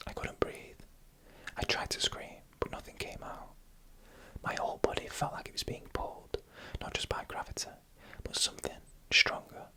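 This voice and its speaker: Scary stories are told here in a breathy ASMR whisper, slow and hushed, by a host-narrator positioned close to the microphone who delivers each tale deliberately.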